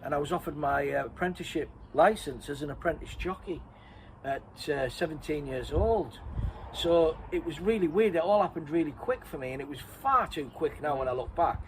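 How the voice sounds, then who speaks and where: A man's voice: on the high side, lively intonation, normal speed, a little hiss or hum, poor audio. Man telling a story. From Redcar, North East England. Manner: rambling, self-correcting, laughs at himself. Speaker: interviewee and co-host. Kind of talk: casual storytelling chat.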